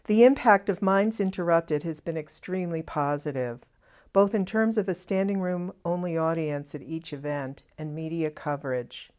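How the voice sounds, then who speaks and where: Low-voiced woman, earnest program founder. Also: moderate pace, a little mellow. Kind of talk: interview narration.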